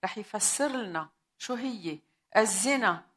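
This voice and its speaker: A woman with a Lebanese accent preaching a sermon, asking the congregation questions, dropping in English words and slowing down for scripture. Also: medium pitch, lively intonation, fairly bright tone. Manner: mixes Arabic with English words, asks the audience questions.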